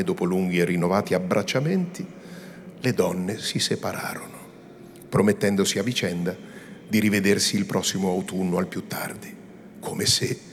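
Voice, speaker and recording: A man narrates a classic novel as a theatrical reading, measured and dramatic, often dropping to a hush. His voice is low and gravelly. A faint hiss lies beneath. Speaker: actor reading a novel aloud.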